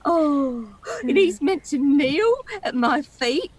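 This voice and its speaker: Princess in a stage comedy: expressive, highly animated, unhurried, storytelling with relish and tenderness. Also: female voice. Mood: giggly, excited. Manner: dramatic, giggly, wistful storyteller. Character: theatrical, chatty princess, fond companion of a dragon.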